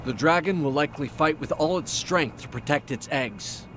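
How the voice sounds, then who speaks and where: An actor playing a stern male game commander who gives firm, measured orders. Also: on the high side, lively intonation, a bit bright, a little hiss or hum. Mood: commanding. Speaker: game character giving orders.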